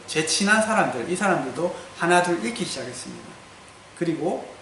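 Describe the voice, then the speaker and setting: A young man giving a personal faith testimony in church, speaking earnestly and often pausing to search for his words. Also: on the high side, fairly bright tone, slight background noise. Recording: echoey room, mic far off, faint ambience.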